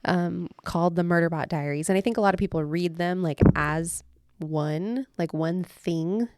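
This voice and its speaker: A woman from Oklahoma co-hosting a casual book podcast, chatty and quick to laugh, reading blurbs aloud. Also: lowish voice, darkish tone, slight background noise. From Oklahoma, USA. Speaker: podcast co-host.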